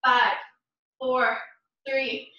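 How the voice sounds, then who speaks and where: A woman's voice: high-pitched, flat delivery, very slow, bright, forceful tone, lo-fi sound. A young woman leading a home workout as an urgent, encouraging gym coach, calling short repeated commands and counts while exerting herself. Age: young adult. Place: living room, indoors. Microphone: camera a few metres away. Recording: very echoey room, distant microphone.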